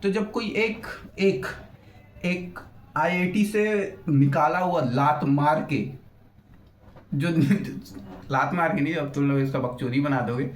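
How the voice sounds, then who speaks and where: Young man, unscripted roast rant, blunt and crude, rambling, high voice, echoey room. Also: takes it slowly, a little hiss or hum. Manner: blunt, crude, swears freely; rambling, loses his thread. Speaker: YouTuber.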